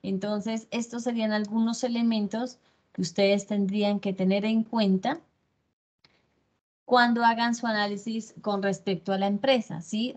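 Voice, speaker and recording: A woman's voice: medium pitch, a little mellow. A woman instructor giving an online class lecture over a video call, often checking in with her students through short tag questions.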